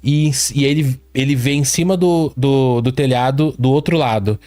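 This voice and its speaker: A man hosting a podcast, retelling eerie accounts in a casual, animated way and dropping his voice low for the spooky quotes. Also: moderate pace, no room sound. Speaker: podcast host. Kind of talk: casual storytelling chat.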